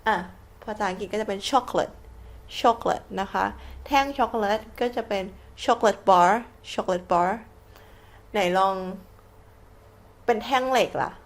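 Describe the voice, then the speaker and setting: A Thai-accented woman teaching an English lesson at an unhurried, deliberate pace. She spells each word letter by letter, then says it again and again so learners can follow. Her voice sits in a middle register for a woman. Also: mid-range voice. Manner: spells words letter by letter and repeats them slowly. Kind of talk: slow, patient classroom explanation.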